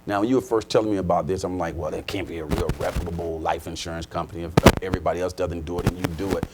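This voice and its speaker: A man's voice: sits low, steady tone, racing, heavy background noise. A man hosting an interview in an informal, playful way, prompting his guest with questions. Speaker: talk show host. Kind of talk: conversational interviewing.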